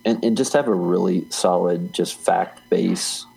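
Casting note: male podcast co-host, deep husky voice, loose rambling banter. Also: unhurried, a little mellow, poor audio. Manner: rambling, restarts often, laughs easily. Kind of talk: casual chat.

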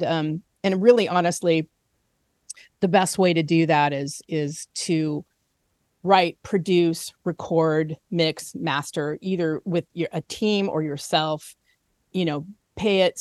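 A woman's voice: low-pitched, steady tone, slow pace, darkish tone, no room sound, studio quality. A middle-aged woman, a singer-songwriter guest on a podcast, chatting casually and laughing easily. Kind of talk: casual interview chat.

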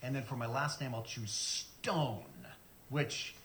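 A man's voice: medium pitch, slow, fairly bright tone, roomy sound, a little hiss or hum. An American man telling a self-mocking anecdote in a theatrical, casual way. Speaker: pastor, former radio DJ. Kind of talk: animated anecdote in casual chat.

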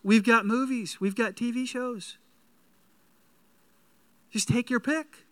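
A man's voice: extremely high pitch, steady tone, slow, no room sound, voice pushed up. A man playing a flustered, proud modern homeowner in a sermon skit, explaining in an eager, stammering way. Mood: boastful.

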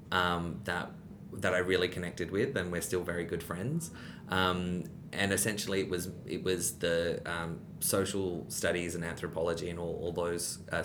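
A young adult man appears as a guest in a casual interview. He rambles, restarting often and using lots of fillers, over a rumbling background noise.

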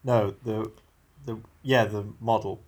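A man's voice: on the low side, fairly even intonation, slow, slightly rough. A man co-hosting a casual podcast, playful and giggly, often second-guessing himself. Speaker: podcast co-host. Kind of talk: casual chat.

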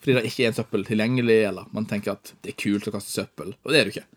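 A man's voice: on the low side, steady tone. Jokey young male podcast host. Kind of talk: casual chat.

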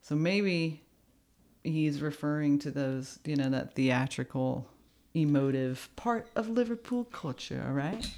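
A woman's voice: sits low, slow pace, a little mellow. A woman co-hosting a podcast in casual, playful chat, free-associating and laughing often. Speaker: podcast co-host.

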